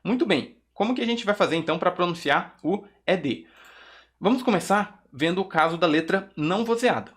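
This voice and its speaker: Brazilian teacher, male, slightly high voice, patient drills of exaggerated English sounds. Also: animated, brisk, fairly bright tone. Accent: Brazilian Portuguese. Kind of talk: pronunciation lesson.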